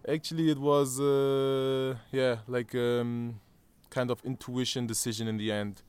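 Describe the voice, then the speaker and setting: German-accented man, very clear voice. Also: mid-range voice, flat delivery, a little slow, a little mellow. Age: 30s. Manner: hesitant, many fillers and restarts. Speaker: interviewee. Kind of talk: casual outdoor interview. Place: outdoor terrace above a valley.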